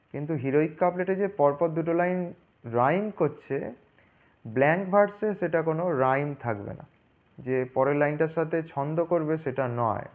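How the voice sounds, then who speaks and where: Man tutor explaining, tinny phone-like sound. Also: a little high. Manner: unscripted, thinking aloud with frequent "ah" fillers and restarts. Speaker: literature tutor. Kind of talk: explaining a literary topic.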